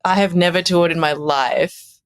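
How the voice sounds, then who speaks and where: In casual conversation as a podcast guest, a woman in her thirties with an Australian accent keeps laughing and restarts mid-sentence. Her voice is on the low side and unhurried, recorded with no echo.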